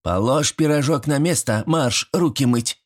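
A man's voice: medium pitch, measured pace, voice pushed up, natural voice. A man voicing a bossy old village grandmother who scolds and fusses in rustic, folksy speech. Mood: scolding.

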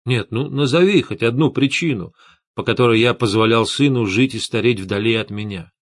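A man's voice: mid-range voice, moderate pace, no room sound, clean studio sound, lightly acted. A man doing a weary old scheming mage chief. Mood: bitter. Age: older. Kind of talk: audiobook character voice.

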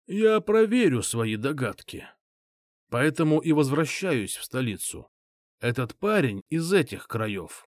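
A man voicing a shrewd older male ally who speaks slowly and deliberately, in an audiobook. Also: mid-range voice, big pitch swings, no room sound, clean studio sound. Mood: measured.

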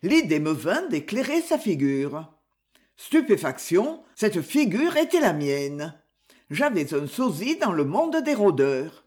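Reader doing a self-assured gentleman sleuth laying out his case, lively up-and-down delivery, audiobook. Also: mid-range voice. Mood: explaining. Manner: measured, explanatory storytelling. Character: confident gentleman detective, young adult man. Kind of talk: audiobook character reading.

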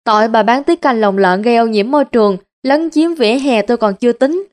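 A woman's voice: fairly high pitch, fairly quick, darkish tone, natural voice. A woman voicing a sly, conniving middle-aged man who talks in a smug, sneering way, close to her own voice.

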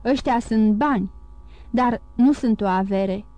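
Storybook role: a woman doing a sharp-tongued, suspicious wife, muffled and scornful, fairly high voice, dry. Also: no echo, lightly acted.

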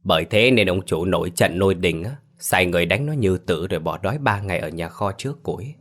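A man's voice: deep voice, lively intonation, a little fast, a bit bright. A male narrator voicing an old female servant who confides household news to her mistress.

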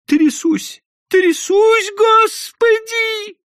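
A man's voice: very high-pitched, lively intonation, a little slow, no room sound, clean studio sound, voice pushed up, full character voice. A man voicing a frightened, whining young woman. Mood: whiny. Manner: whining, tearful.

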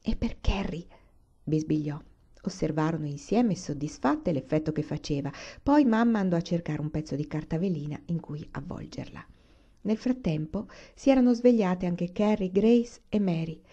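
A woman reading a children's novel aloud in a calm, unhurried storytelling manner. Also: fairly low pitch, lo-fi sound. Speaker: reader.

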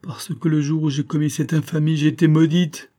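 A man's voice: a little high, level tone, brisk, dark tone, pitched above the performer's own voice, close to an everyday voice. A man reading a novel aloud and voicing a dying woman who confesses to a false testimony, anguished and pleading, repeating words in despair. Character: dying guilt-stricken woman, a former false witness. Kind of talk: audiobook reading.

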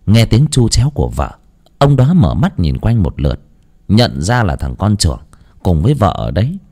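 Man narrating a lively horror tale. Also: lowish voice, normal speed. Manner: dramatic, shifting pace for effect. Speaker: storyteller.

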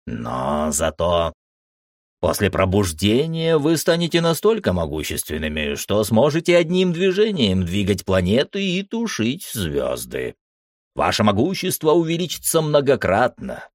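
Guy doing an old old mage king, deep and slow, solemn, kinda faint like from a distance, audiobook voice. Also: wildly swooping pitch, no echo, studio quality, full character voice. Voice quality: low, slow, faint and aged. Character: ancient wise old male mage king echo. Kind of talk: audiobook character voice.

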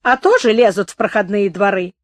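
A woman reading a story aloud, voicing a stooped male detective with a hoarse, sinister voice who turns spiteful and shrill. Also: fairly quick, no room sound, natural voice. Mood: sneering. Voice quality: hoarse, hissing.

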